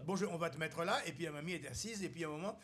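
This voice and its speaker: Invité masculin, voix aiguë et claire, raconte en hésitant. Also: male voice, fairly high pitch, racing, fairly bright tone, a little hiss or hum. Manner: stumbling, laughing storyteller. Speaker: guest. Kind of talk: joke telling on a talk show.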